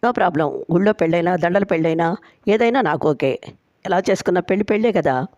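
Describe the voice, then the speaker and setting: A woman's voice: lowish voice, fairly quick, a little mellow, no echo, dull audio, close to an everyday voice. A woman storyteller voicing a boastful, playful young man who agrees to every condition.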